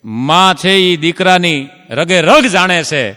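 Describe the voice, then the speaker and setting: A man doing folk stand-up jokes, telling stories with drawn-out punchlines and asking the crowd "ha?". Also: high-pitched, expressive, sharp tone, big-room sound. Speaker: stand-up comedian. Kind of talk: Gujarati folk stand-up jokes for a live audience.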